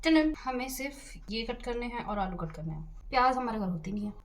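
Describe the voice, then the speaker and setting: A woman's voice: fairly high pitch, lively intonation, a little fast, a little hiss or hum. A young woman chatting playfully to camera in a casual home vlog. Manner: playful, chatty, giggling through a drying face mask. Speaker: vlogger.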